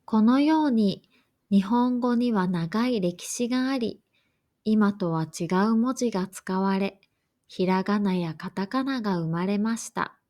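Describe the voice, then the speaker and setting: A woman reading a scripted lesson for learners in a slow, careful, even way. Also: medium pitch. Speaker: language teacher.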